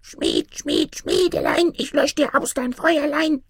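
A man voicing a tiny, spiteful magic manikin from a fairy tale, in a thin, whispering squeak. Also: wildly swooping pitch, slow pace, gravelly, no echo, clean studio sound, heavily acted. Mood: taunting.

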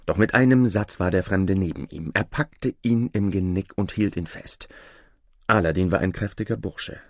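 A man with a very deep voice reads a fairy tale aloud, calm and measured. The sound is dry and close, with no room around it. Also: dry recording. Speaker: narrator.

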